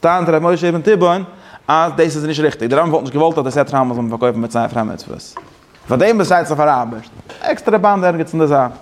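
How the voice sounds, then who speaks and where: A man gives a loose, rambling Torah class, breaking off to correct himself and slipping English and Hebrew terms into his sentences. His voice sits somewhat high for a man. The talk stays informal and circles around its points as he reasons aloud. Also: quick pace. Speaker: Torah teacher. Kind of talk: Yiddish-style Torah class.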